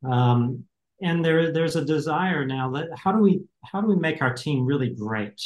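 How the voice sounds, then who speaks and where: An American executive coach in his fifties, appearing as an interview guest, reflects aloud with plenty of fillers and restarts in casual conversation. His voice sits on the high side, animated at a moderate pace, and the recording has a roomy echo.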